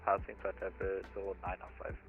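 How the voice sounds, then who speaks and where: Guy doing pilot radio calls to air traffic control, monotone, phone-like lo-fi sound. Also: low voice, brisk. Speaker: pilot on flight simulation network. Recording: muffled narrow-band radio transmission, faint music.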